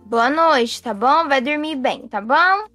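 A strict, teasing game mother, as a girl puts her on. She sounds high and bright, scolds mildly, and has a dry, close sound. Faint music plays underneath. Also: animated, slow pace, no echo, exaggerated voice. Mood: motherly.

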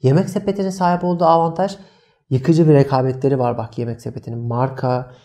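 A man co-hosts a relaxed marketing podcast. His voice is warm and mellow at a middle pitch, and he talks in an animated, emphatic way, leaning on his points. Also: fast talker. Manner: animated, emphatic, addresses co-host by name. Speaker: podcast co-host. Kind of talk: casual podcast chat.

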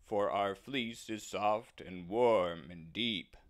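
A man voicing a proud woolly sheep in a storybook, speaking slowly and emphatically with drawn-out words. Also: on the low side. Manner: slow, emphatic, drawn-out delivery.

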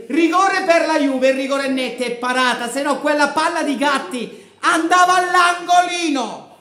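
Man yelling live match reactions. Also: very high voice, moderate pace. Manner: shouting excitedly, chanting names, fists pumping. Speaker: football fan streamer. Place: living room with a grey sofa. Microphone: fixed camera at desk distance. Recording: echoey room.

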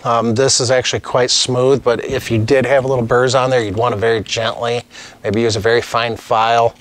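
A middle-aged master plumber teaches on his channel in a brisk, flat, mid-range voice. Wearing a lapel mic at a desk in an indoor studio set, he gives a casual, practical, hands-on tutorial while working with tools.

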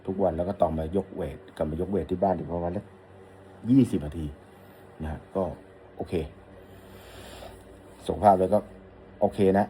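A middle-aged man with a deep, very dark and mellow voice talks casually as an audio shop owner. He rambles in a friendly, polite way while answering a customer's question, with a faint noise under the recording. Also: steady tone, moderate pace, long pauses. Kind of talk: casual talk to camera.

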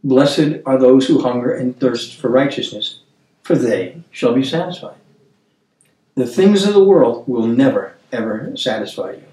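A man's voice: mid-range voice, lively intonation, warm tone, far from the mic. Older man in his 70s, earnest Bible-study host, tells stories with restarts; roomy, off-mic sound. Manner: earnest, storytelling, halting restarts. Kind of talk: casual Bible discussion. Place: dining room table, indoors.

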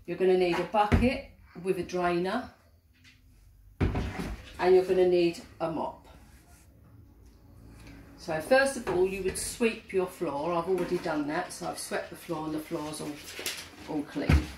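A middle-aged English-accented teacher patiently explains a household task step by step in her home kitchen and hallway, filmed on a handheld phone. Her voice is fairly low and a little mellow, at a measured pace with long pauses. The phone audio is noisy and the room echoes.

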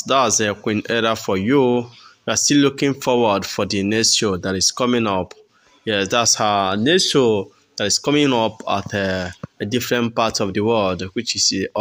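Chatty man with a low voice. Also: fairly bright tone. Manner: chatty, repeats himself, many fillers. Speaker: channel host. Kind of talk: casual voice-over commentary.

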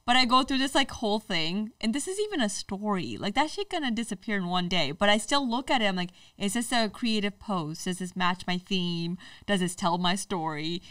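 A woman's voice: mid-range voice, animated, normal speed, hardly any pauses, a bit bright, no echo, far from the mic. A woman as a podcast guest in casual chat, reflective and jokey.

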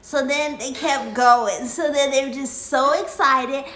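A woman's voice: sits high, a little slow. A woman telling a children's story in a casual way, acting out the characters' lines and the dog's barks. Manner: animated, acts out lines and dog barks. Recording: echoey room with faint noise.

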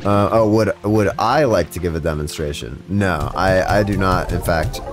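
A low-pitched young man streams a game over music, chatting casually with his audience at a normal speed. Congested from a cold, he wanders from point to point and frequently interrupts himself to begin again. His setup is a studio microphone with a compressor.

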